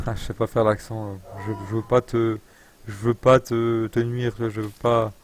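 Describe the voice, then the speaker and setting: A young man with a fairly low voice is live-streaming a game, with slight background noise behind him. He chats casually and rambles, reading the chat aloud, joking around, and trying out playful accents.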